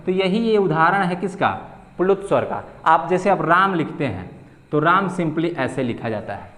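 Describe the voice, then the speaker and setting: A man's voice: a little high, lively intonation, moderate pace, fairly bright tone, echoey room. A young adult man teaching an exam-prep grammar lesson, patiently repeating key terms and answering his own questions.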